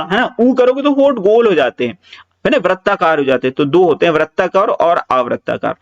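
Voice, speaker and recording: The recording is lo-fi, and the man's voice sits high. He's teaching Hindi grammar for exam preparation, patiently going over key points more than once and stretching out sample vowel sounds, with relaxed, reassuring remarks along the way.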